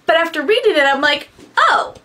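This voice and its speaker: A woman's voice: high-pitched, a little slow, a bit bright. A young adult woman giving a casual book review to camera in a candid, rambling, casually sweary manner. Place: small bedroom, indoors.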